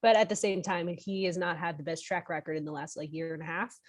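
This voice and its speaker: A woman's voice: fairly low pitch, quick pace. A woman co-hosting a casual sports podcast, giving blunt, opinionated takes. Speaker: podcast co-host.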